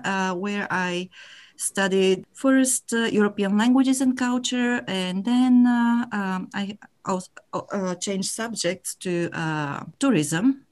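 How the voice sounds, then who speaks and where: A woman from Bulgaria, speaking English as a second language, answers interview questions in a relaxed, unscripted way. She pauses often and restarts her sentences as she thinks. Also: medium pitch. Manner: hesitant, many fillers and restarts. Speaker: interview guest.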